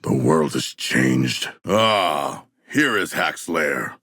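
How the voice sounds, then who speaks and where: A man voicing an erudite, eager humanoid shark warrior for a video game, with gravelly voice and formal, stilted, grandiose diction. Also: rumbling low, lively intonation, extremely slow, fairly bright tone, no echo, studio quality, exaggerated voice. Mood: measured, dry. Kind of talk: video game character voice lines.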